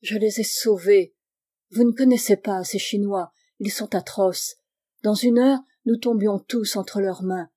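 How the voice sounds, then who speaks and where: An old male professor near death, grave and calm, his words halting and measured, as a woman reader puts him on. The voice is mellow and dark, held close to the reader's own. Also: mid-range voice, close to an everyday voice.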